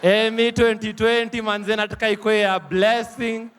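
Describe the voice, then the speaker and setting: A man with a Kenyan Sheng accent shouting playfully in street slang from the audience. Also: high-pitched, flat delivery, moderate pace, clear, resonant tone. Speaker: audience member. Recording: very loud crowd and noise.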